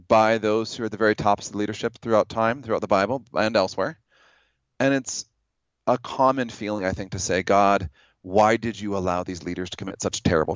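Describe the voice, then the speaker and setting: Low-voiced man calmly arguing theology. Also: no echo, dull audio. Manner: measured, explanatory, uses hypotheticals. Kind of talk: debate.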